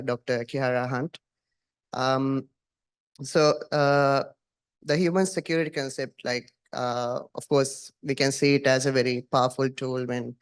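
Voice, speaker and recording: A man's voice: medium pitch, clear, resonant tone. A man from Sri Lanka standing in a large conference hall with a handheld mic, asking a panel a question with many hesitations. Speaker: audience questioner.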